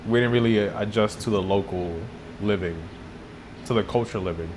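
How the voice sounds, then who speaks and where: A man's voice: fairly low pitch, a little fast, a little mellow, a little hiss or hum. A young man with a Texan accent, co-hosting a casual podcast chat, rambling through stories with frequent laughs and acted-out quotes. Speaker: podcast co-host back from a trip.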